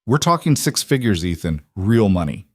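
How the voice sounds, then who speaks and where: A man's voice: on the low side, big pitch swings, moderate pace, no room sound, studio quality. A man voicing a determined woman executive who speaks earnestly and persuasively.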